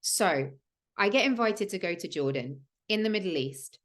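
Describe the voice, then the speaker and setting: A woman's voice: medium pitch, lively intonation, moderate pace. A woman, hosting a livestream and telling a personal story in an earnest, emphatic way with many "like" fillers. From England. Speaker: host of a spiritual podcast.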